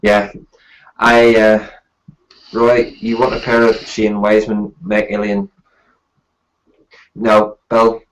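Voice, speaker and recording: A man's voice: lowish voice, takes it slowly, pauses often, slight background noise, poor audio. A man hosting a live stream and reviewing products in casual, chatty talk.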